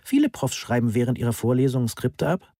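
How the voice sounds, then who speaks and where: A man's voice: mid-range voice, sing-song, a little fast, dry recording, studio quality. A man voicing a blunt, irritated young female math student who talks curtly and sharply in a German audiobook. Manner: curt and sharp-tongued.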